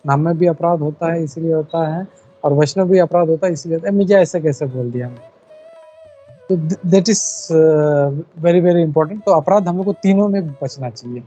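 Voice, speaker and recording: A man's voice: fairly high pitch, moderate pace, mellow, muffled recording, faint music behind. A man leading a devotional scripture class in Hindi sprinkled with English, explaining earnestly and repeating his key points. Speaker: class leader.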